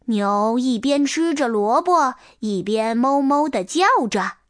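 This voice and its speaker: A woman reading a children's storybook aloud, in a gentle, tender manner. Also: a little high, animated, takes it slowly, dry recording, clean studio sound. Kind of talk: storybook read-aloud narration.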